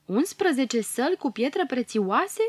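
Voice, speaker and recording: A woman's voice: a little high, dry recording, lightly acted. A woman voicing a wonder-struck young girl who marvels at everything she sees. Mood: marveling. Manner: marveling, breathless exclamations.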